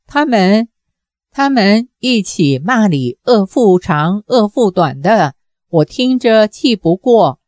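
A woman's voice: mid-range voice, very animated, takes it slowly, darkish tone, dry recording, studio quality. A woman voicing a frightened young daughter who stammers and hesitates. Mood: hesitant.

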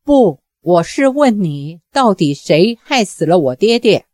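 A woman's voice: medium pitch, sing-song, measured pace, darkish tone, no room sound, studio quality. A woman reading the lines of a tense, suspicious teenage boy with a tight, guarded delivery. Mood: accusing.

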